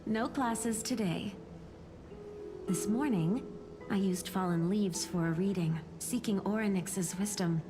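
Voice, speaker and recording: A woman's voice: medium pitch, a little slow, music in the background, lightly acted. A woman playing a small, caring village schoolteacher in a video game, speaking earnestly. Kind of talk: game voice acting.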